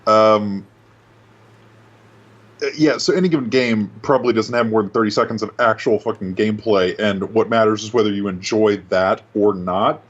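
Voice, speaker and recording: A laid-back man chats and swears casually over an online voice call. His voice has been pitched down a couple of semitones, so it comes out low and oddly deep. The call audio sounds dull and lo-fi. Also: fairly even intonation, normal speed. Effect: voice pitched down a couple of semitones, sounding unnaturally deep. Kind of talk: casual chat about video games. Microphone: computer mic over an online voice call.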